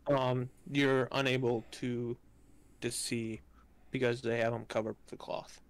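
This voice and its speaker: A man's voice: medium pitch, flat delivery, a little slow. A man narrating a tabletop game as game master, hesitant with many ums and restarts, his voice strained.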